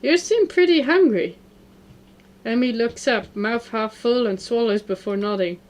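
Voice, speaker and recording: A woman's voice: a little high, unhurried, darkish tone, close to an everyday voice. A woman reading the part of an awkward, reflective teenage boy narrating a visual novel.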